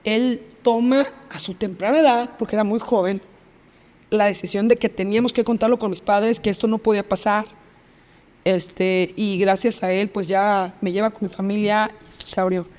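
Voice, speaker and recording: A woman with a Mexican accent recounts a personal story as a podcast interview guest, painting it in vivid detail, reenacting dialogue and repeating phrases as she relives the scene. She speaks in a mid-range voice with a steady tone, moderate pace and darkish quality, in a large hall.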